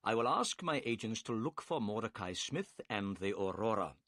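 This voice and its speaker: A man voicing a calm, clever male detective who speaks politely, briskly and with assurance. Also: on the low side, no echo, studio quality. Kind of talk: audiobook character voice.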